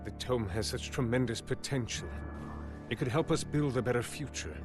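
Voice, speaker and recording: An actor playing an ambitious, reproachful advocate in a video game, formal and insistent. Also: male voice, mid-range voice, moderate pace, music in the background, natural voice. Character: ambitious, reproachful male advocate of powerful knowledge. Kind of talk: video game cutscene acting.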